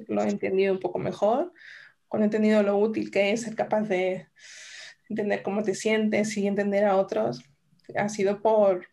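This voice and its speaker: A woman, a mother and podcast co-host, chatting casually and thoughtfully, often restarting her sentences and filling pauses. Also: mid-range voice, creaky, dark tone. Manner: reflective, with many restarts and fillers.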